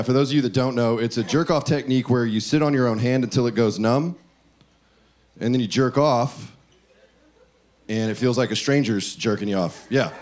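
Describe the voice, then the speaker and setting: A man in his thirties giving a deadpan, explanatory stand-up set on a handheld club microphone. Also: mid-range voice. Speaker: stand-up comedian. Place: comedy club stage. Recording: faint club room noise.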